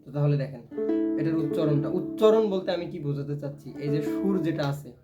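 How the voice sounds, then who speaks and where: A man's voice: a little high, a little fast, over loud music. A man teaching a casual ukulele lesson, explaining step by step and often checking in with "right?". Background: ukulele playing.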